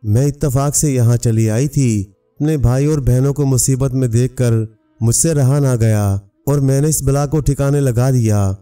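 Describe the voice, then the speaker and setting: A man's voice: mid-range voice, measured pace, warm tone, clean tone, lightly acted. Man reading as a proud young princess. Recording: distant mic, faint music.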